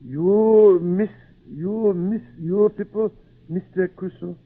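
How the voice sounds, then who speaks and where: In an old-time radio drama, a man plays a humble, devoted islander servant who speaks simple broken English with words dropped, in a gentle, hopeful mood. His high voice goes slowly and fully commits to the character. The recording is tinny and narrow-band, like old radio.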